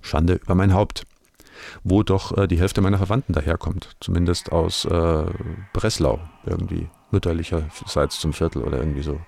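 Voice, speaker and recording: Middle-aged man, slightly low gravelly voice, casual radio host, rambling, self-ironic, colloquial. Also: fairly even intonation, moderate pace, darkish tone. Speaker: radio music show host. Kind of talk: casual rambling music presenting.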